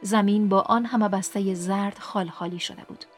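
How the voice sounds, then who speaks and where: Expressive woman narrating a storybook. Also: medium pitch, faint music behind. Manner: expressive reading, dropping to a whisper in sad passages. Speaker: book podcast host. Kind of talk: scripted audiobook narration.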